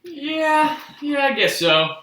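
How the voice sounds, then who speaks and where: Bright, lively-pitched man at a game table. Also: takes it slowly, distant mic, slight background noise. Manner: relaxed, chatty, unsure. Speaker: player. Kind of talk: casual tabletop game chat. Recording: echoey room.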